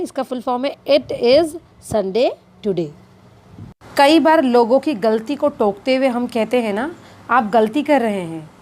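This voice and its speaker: A woman teaching spoken English, repeating each phrase slowly and deliberately. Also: on the high side, a little hiss or hum, rough recording.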